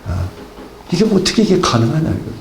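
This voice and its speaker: Male pastor, sermon, lively swooping delivery, fairly high voice, echoey church hall, faint background hiss. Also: a little fast, gravelly. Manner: animated, acts out biblical dialogue with rhetorical questions.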